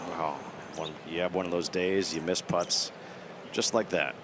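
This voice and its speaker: A man's voice: low-pitched, steady tone, a little slow, noisy background. A man hosting live golf coverage as a commentator.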